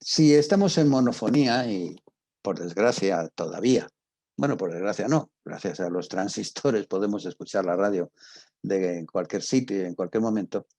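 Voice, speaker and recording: A drama teacher and academic gives an informal, explanatory lesson in a didactic manner, rephrasing as he goes and using lists and examples. His voice is on the low side and mellow, at normal speed, with no room sound.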